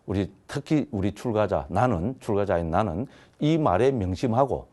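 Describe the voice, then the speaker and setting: A man's voice: fairly low pitch, expressive, normal speed, a little mellow. A man, a Buddhist monk, lecturing on Buddhist teaching and often putting rhetorical questions to his listeners. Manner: keeps asking the class rhetorical questions.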